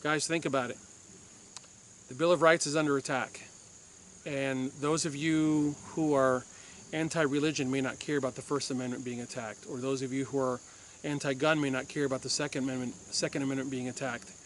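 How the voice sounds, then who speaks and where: A slightly fast, mid-range male voice with fairly even intonation carries over slight background noise. It belongs to a Puerto Rican ex-police officer hosting a firearms channel, who gives an insistent opinion monologue to camera and repeats his points to drive them home.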